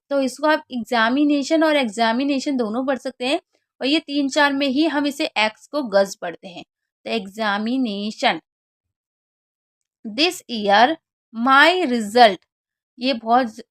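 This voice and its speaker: High-voiced woman teaching English pronunciation. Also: a bit bright, dry recording, clean studio sound. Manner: explains slowly, asks students questions and answers them herself. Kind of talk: spoken English lesson.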